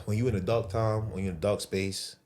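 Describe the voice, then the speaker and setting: Brisk and steady, his voice on the low side and a bit mellow, a guest entrepreneur in his twenties from Brooklyn hangs out on a podcast. He talks in casual street slang, leaning heavily on fillers and repeating "bro."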